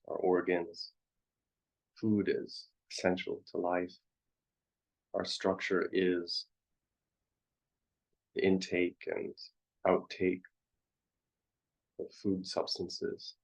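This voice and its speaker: A low-pitched, monotone man guides a meditation as its teacher. His contemplative delivery comes in brief, halting phrases separated by long pauses, and the recording sounds dull and muffled.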